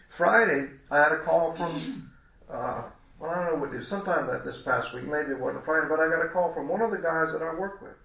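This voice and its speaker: A man's voice: on the high side, vocal fry, bright, forceful tone, echoey room. A congested man preaching a sermon in a folksy, rambling way with many restarts.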